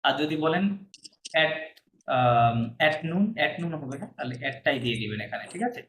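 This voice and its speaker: A man's voice: mid-range voice, lively intonation, unhurried, a bit bright. A man from Bangladesh teaching a French class, patiently repeating words and quizzing his students. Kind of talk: classroom lesson. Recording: echoey room with faint noise.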